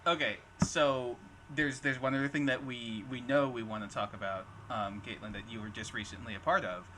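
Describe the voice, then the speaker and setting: Laid-back man co-hosting over noise. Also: medium pitch. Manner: relaxed, laughs often, halting questions. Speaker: podcast co-host. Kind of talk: casual chat.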